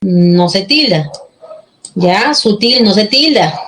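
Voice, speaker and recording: A woman's voice: medium pitch, lively intonation, slow, fairly bright tone, a little hiss or hum, low-quality recording. A woman teaching an online class, patient and checking often that students follow, with a Peruvian Spanish accent.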